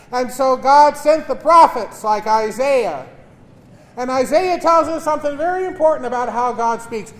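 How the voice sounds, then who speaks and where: A man speaking as a priest at Mass with emphatic, deliberate delivery, his voice echoing in a large church. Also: very high voice. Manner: emphatic, deliberate pauses and repetition. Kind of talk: gospel reading and homily. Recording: cathedral-like echo, long church reverb.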